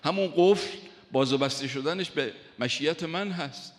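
A man preaching a sermon, emphatic, speaking straight to his listeners and reciting scripture slowly. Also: a little high. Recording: long hall reverb.

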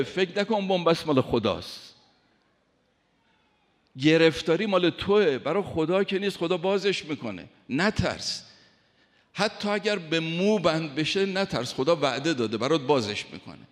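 A man preaching a sermon, emphatic, speaking straight to his listeners and reciting scripture slowly. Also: fairly high pitch, animated. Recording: long hall reverb.

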